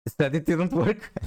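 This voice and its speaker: Animated man. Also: a little high. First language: Portuguese. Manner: animated, disbelieving outbursts with swearing and laughter. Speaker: streamer. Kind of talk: casual livestream card game commentary.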